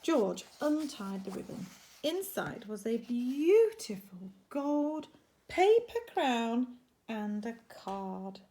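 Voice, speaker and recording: High-pitched woman reading a children's story slowly. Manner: animated, dramatic pauses, chatty asides.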